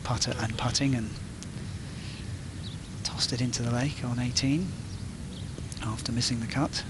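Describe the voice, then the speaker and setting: A male golf commentator with a mid-range voice calls play in a measured, conversational way. The outdoor broadcast has noticeable background noise and a low rumble. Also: steady tone. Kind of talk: live golf commentary with relaxed chat.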